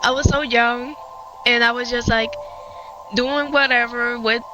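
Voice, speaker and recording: This lo-fi clip has a young woman from Puerto Rico streaming a game, her Puerto Rican Spanish accent marking her as a native Spanish speaker. Her voice is on the high side, steady and measured, though her casual let's-play talk rambles with lots of fillers and restarts while game music plays.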